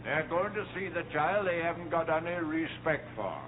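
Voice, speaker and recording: A gruff, sardonic man played by an actor in a 1930s film drama, pitched a little high and bossing everyone around. The sound is a thin, phone-like old soundtrack with faint hiss. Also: normal speed, natural voice. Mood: angry shouting. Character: blustering, combative man scolding a divorcing couple.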